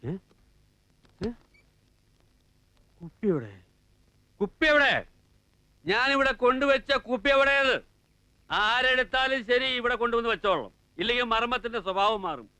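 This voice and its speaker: A man's voice: very high voice, normal speed, pushed and bright, clear, resonant tone, no echo. An actor playing an older man, a drunken uncle who blusters and threatens in a slurred voice. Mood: boozy, blustering. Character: boastful drunk old uncle, quick to take offence. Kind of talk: film drama acting.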